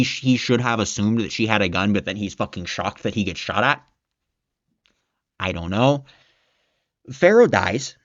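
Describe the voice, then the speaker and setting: A man's voice: medium pitch, no room sound, muffled recording. Profane, exasperated man ranting about a book. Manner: profane, exasperated ranting, voice climbing when worked up. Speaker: book reviewer. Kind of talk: casual spoken book review.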